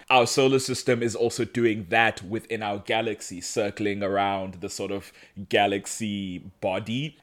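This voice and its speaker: A man co-hosting a podcast in casual recap chat, explaining things at length with quiet asides. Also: lowish voice. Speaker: podcast co-host.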